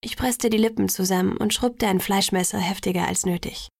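A woman reading a first-person story aloud as an audiobook narrator, in a measured storytelling manner. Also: medium pitch, steady tone, gravelly, no room sound, studio quality. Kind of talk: scripted narration.

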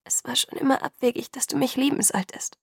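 A woman's voice: on the high side, fairly even intonation, moderate pace, gravelly, husky, no room sound, clean studio sound. A woman voicing an anxious, doubting young woman. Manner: soft, hushed, faltering.

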